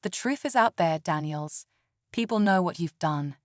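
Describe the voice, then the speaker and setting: A woman's voice: fairly low pitch, lively intonation, moderate pace, no room sound, studio quality, close to an everyday voice. A woman voicing a determined young man who demands answers with a rising voice. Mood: defiant.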